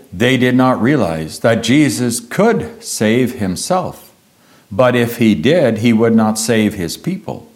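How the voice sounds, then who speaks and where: A man preaching a sermon, retelling a Bible story slowly and deliberately, with frequent hesitant pauses and heartfelt exclamations. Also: lowish voice, a little mellow.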